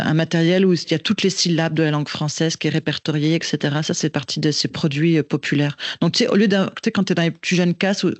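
A woman's voice: deep voice, no room sound. A woman teacher with a Québécois French accent, chatting casually on a podcast and thinking aloud with frequent restarts. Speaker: teacher and guest.

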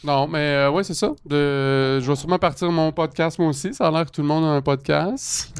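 A Québécois comedian chats with plenty of "euh" and hesitation. His voice sits a bit high and sounds clear and smooth. He keeps it casual. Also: steady tone, moderate pace. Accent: Québécois French. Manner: hesitant, filler-heavy. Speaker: comedian guest. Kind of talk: casual chat.

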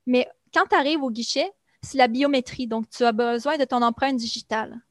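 In a casual conversation, a young woman describes her life in Brazil as a guest, speaking at a moderate pace. Her slightly high voice comes across easy and chatty, frequently stopping on little fillers. The sound is close and dry, with no echo or sense of a room.

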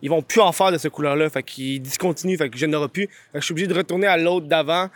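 A young man with a Quebec French accent, telling stories in slangy casual chat and laughing often. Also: a little high. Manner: slangy, laughing, quick storytelling.

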